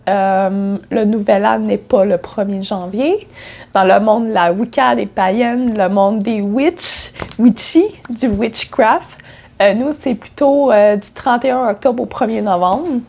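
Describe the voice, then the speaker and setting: Slow and mid-range, with vocal fry and a darkish tone, this Quebec-accented spiritual coach chats in her vlog. A cold leaves her a bit stuffy, and she hesitates a lot, with many fillers and restarts.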